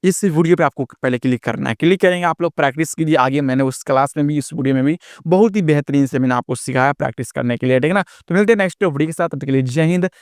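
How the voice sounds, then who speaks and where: Friendly teacher spelling words out slowly. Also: male voice, fairly high pitch, dry recording, studio quality. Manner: keeps adding "दोस्तों" and "है ना?" as check-ins. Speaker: English teacher. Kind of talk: spoken lesson on reading and writing English.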